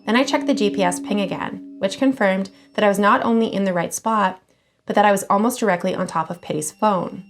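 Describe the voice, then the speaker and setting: A woman hosting a channel where she reads scary online stories aloud, expressive and casual, swearing now and then. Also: medium pitch, brisk. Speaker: horror story channel host.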